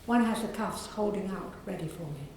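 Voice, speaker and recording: Reading her own novel aloud in a very echoey library room, an English woman speaks at a medium pitch with a soft, croaky voice and a mellow, dark tone. The event has faint background noise, and her reading is unhurried and measured, with some throat-clearing.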